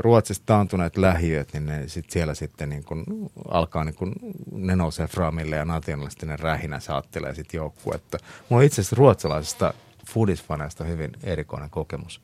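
A man's voice: rumbling low, hardly any pauses, a little mellow, dry recording. A middle-aged man, a talk show guest, telling stories in a chatty way with many fillers and frequent laughs. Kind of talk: casual storytelling interview.

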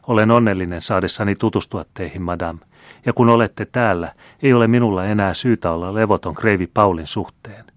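A man's voice: fairly low pitch, dry recording, close to an everyday voice. A man reading as a teasing French marquise. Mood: gracious polite.

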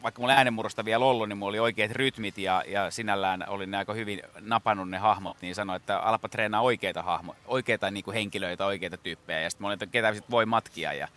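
A man's voice: on the low side, hardly any pauses, bright, forceful tone. A man, a guest impressionist, telling stories in a rambling way, with many fillers and restarts, in a radio studio. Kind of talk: casual interview talk.

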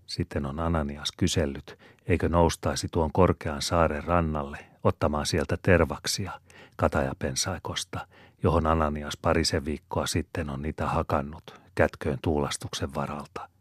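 A male audiobook narrator reading a novel in a steady, measured way. His voice is extremely low and husky. The recording is close and dry. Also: dry recording. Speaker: audiobook reader.

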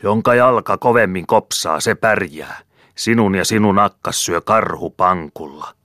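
A man's voice: low-pitched, pushed and bright, no room sound, clean studio sound, voice pushed up. A man voicing a fierce old village woman who spits and roars her words. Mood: roaring.

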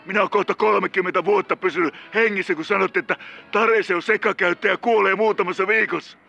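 Man playing a raspy high-voiced killer caller, gravelly, bright, rambling and cursing, dull lo-fi sound. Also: fairly even intonation, faint music behind, full character voice. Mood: menacing. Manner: rambling, cursing, bursts into shouting. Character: volatile middle-aged male drug-using killer caller.

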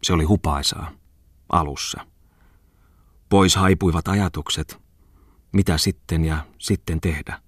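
Deep-voiced male audiobook narrator. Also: husky, no room sound, studio quality. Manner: calm, measured reading. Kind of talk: scripted narration.

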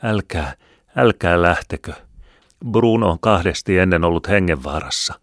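A man's voice: low voice, dry recording, studio quality, voice pushed up. A man voicing a grey-haired mother who pleads urgently and tearfully with a young man not to go to war. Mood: pleading. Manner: urgent, imploring.

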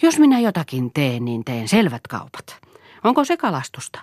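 Nainen lukee äänikirjaa ja esittää kiivasta, suorapuheista nuorta naista, entistä palvelustyttöä, joka tiuskii ja tinkii terävästi. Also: female voice, low voice, wildly swooping pitch, no room sound, studio quality, heavily acted. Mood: haggling. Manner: sharp, scolding and haggling. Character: fiery, blunt young woman, a former housemaid. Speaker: audiobook reader. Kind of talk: novel reading.

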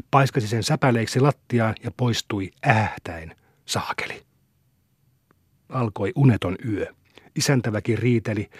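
A man narrates a novel in a measured storytelling voice. His tone is husky, mid-pitched and recorded dry and close. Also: a little mellow, no room sound. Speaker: audiobook reader. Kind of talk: scripted narration.

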